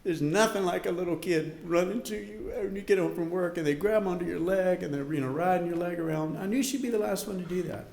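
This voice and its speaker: A man's voice: sits high, fast, creaky, few pauses, a little mellow. Echoey middle-aged man giving an emotional wedding toast. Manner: emotional, holding back tears. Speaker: father of the bride giving a speech. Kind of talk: wedding toast, heartfelt prepared speech. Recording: echoey room.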